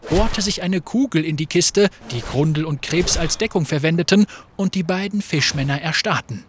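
A man narrating a story in a lively, expressive scripted reading. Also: a little high, moderate pace, slight background noise. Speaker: audiobook narrator.

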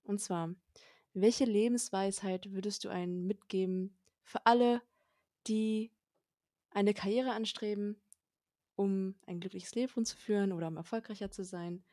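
A woman's voice: medium pitch, fairly even intonation, a little slow, warm tone, no echo, studio quality. A woman hosting a podcast, interviewing a guest with attentive follow-up questions. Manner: attentive, short acknowledgements. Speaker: podcast host.

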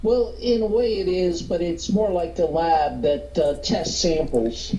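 A man speaks through a speakerphone as a call-in guest, his answers halting and full of pauses. The line is muffled and lo-fi, with a roomy echo around his mellow voice. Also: sits high. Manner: hesitant, halting with many fillers. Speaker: phone-in guest, paranormal investigator and author. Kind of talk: casual interview answers.

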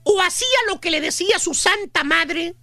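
A man with a Mexican accent, hosting a radio comedy show and telling a story in rapid, slangy banter. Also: very high-pitched, pushed and bright, no echo. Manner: rapid slangy banter, calls listeners pals.

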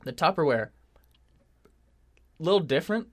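Animated young man, casual podcast chat. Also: on the high side, measured pace, slightly rough. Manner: animated, swearing, laughing often. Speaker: podcast co-host.

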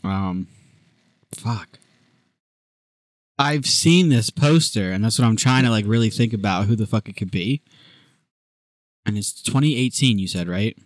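A man co-hosting a podcast, bantering casually through a horror trivia game, cursing and mocking himself with loud laughter. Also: on the low side, lively intonation, a little slow, pauses often, no echo. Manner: swearing, self-mocking, laughs loudly. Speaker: podcast co-host.

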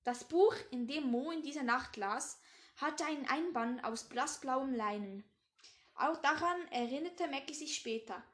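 A teenage girl with a high voice reads a novel aloud at her own unhurried pace. She trips over words now and then and goes back to fix them. Between passages she rambles casually to her listeners. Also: fairly bright tone. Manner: stumbles and restarts on words. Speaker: reader.

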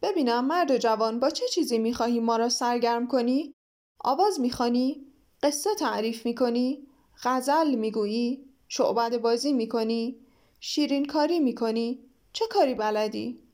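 An impatient, bossy fairy-tale king, played by a woman narrator, who snaps out commands in a curt, lordly way. The voice stays fairly high, and he is used to being obeyed at once. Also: a little mellow, close to an everyday voice. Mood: imperious.

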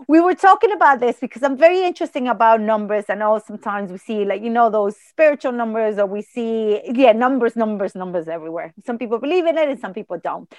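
A woman hosting a business podcast, chatty and quick to laugh, sometimes tripping over words. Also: on the high side, dry recording. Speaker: podcast host. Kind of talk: podcast interview.

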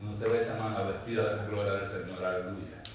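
A man's voice: lowish voice, little pitch movement, brisk, a little hiss or hum. A man preaching a sermon as pastor, fervent and repeating his words for weight. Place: church. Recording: echoey church from far off.

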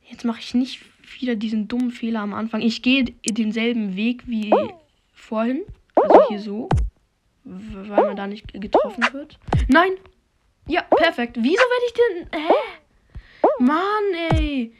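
Woman on a noisy, low-quality phone mic. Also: animated, measured pace. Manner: slangy, swears, talks to herself and her listeners. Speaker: podcast host playing a video game. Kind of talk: casual live game commentary. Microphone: phone microphone.

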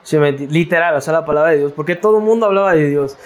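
This is a slightly high, quick male voice belonging to a Mexican interview guest. He reflects casually, using slang, frequently starting over and tacking on tag questions.

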